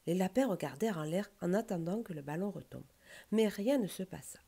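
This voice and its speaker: A woman reading a children's bedtime story aloud in a gentle, expressive way. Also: on the low side, brisk, gravelly.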